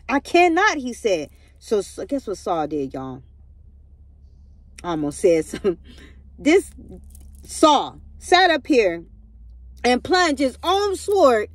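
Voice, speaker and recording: A woman's voice: on the high side, dry recording. A young woman reading a Bible story aloud in a casual vlog and stopping often to preach emphatically to her listeners. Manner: emphatic, preachy asides, keeps calling out to listeners. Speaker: vlogger retelling a Bible story.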